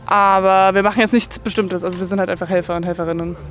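A young woman volunteering at a festival, answering questions outdoors in a quick, informal way with youthful slang. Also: fairly low pitch, fairly even intonation, soft background music. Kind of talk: casual interview answers.

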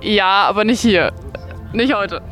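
Young woman volunteer, quick and informal. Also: medium pitch, a bit bright, faint music behind. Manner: quick, informal, youthful slang. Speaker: festival volunteer. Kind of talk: casual interview answers. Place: outdoors at a music festival.

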